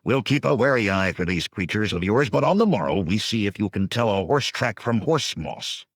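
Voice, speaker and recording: A man voicing a gruff one-eyed male bandit leader who barks commands. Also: lowish voice, lively intonation, moderate pace, dry recording, studio quality, pitched above the performer's own voice. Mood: commanding. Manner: commanding, barking.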